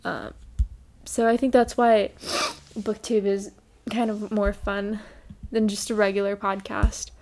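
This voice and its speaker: A young woman hosting a podcast in a rambling, casual chat, sounding congested and stopping often for ums and quick apologies. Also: mid-range voice, level tone, darkish tone. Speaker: podcast host.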